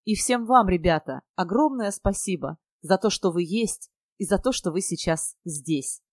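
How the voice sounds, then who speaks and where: A woman's voice: lowish voice, expressive, measured pace, dry recording, studio quality. A woman voicing an earnest, emotional young female student speaking from the heart. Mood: heartfelt.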